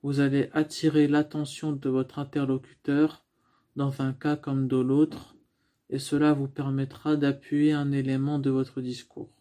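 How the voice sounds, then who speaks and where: A man's voice: mid-range voice, little pitch movement, a little slow, dark tone. A man teaching about using the voice in communication, explaining step by step with frequent restarts and fillers. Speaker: speaking coach. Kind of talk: instructional talk on voice.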